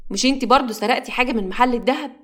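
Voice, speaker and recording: A woman doing a loud, accusing Egyptian guard. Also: a little high, rapid-fire, close to an everyday voice. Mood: firm. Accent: Egyptian Arabic. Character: male mall security guard, firm.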